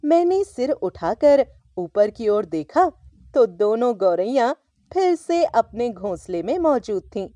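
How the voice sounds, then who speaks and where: A woman narrating a children's story for a school textbook, reading slowly and expressively. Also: a little high, big pitch swings, dark tone, dry recording.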